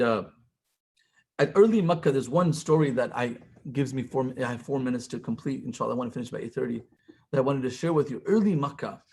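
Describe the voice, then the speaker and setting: Guy giving a talk at a college study circle, kinda husky voice, tells stories and drops in arabic phrases, middle pitch. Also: darkish tone. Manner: retells stories with quoted speech, rising to emphatic passages; mixes Arabic phrases and verses into English. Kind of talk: storytelling religious talk.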